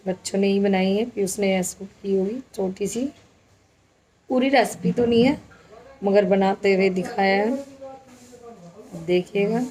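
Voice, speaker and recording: A woman's voice: medium pitch, rough recording. A woman family vlogger from India chatting casually about her relatives and home. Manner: slow, soft-spoken, homely chatting. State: injured leg. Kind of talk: casual vlog narration.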